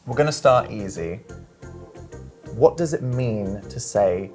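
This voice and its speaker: A man's voice: fairly low pitch, animated, takes it slowly, music in the background. A young man interviewing someone in a casual comedic style, teasing and mock-serious. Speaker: host, interviewer.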